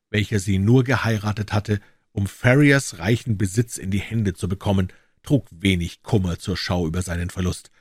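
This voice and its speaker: A man reading a classic detective novel aloud in a measured, dramatic storytelling manner. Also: deep voice, darkish tone, breathy edge, no room sound, studio quality. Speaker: audiobook reader. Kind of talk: dramatic audiobook narration.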